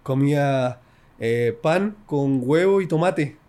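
A young man with a Chilean accent, a freestyle rapper talking casually in an interview, slangy and animated. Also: fairly high pitch, slow. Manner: slangy, animated storytelling with shouted imitations.

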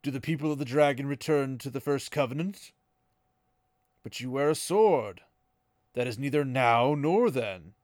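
A man reading aloud and voicing an ancient male Green Man of the forest with a booming, solemn manner. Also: lively intonation, a little mellow, no echo, clean studio sound, close to an everyday voice. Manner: slow, solemn, grave.

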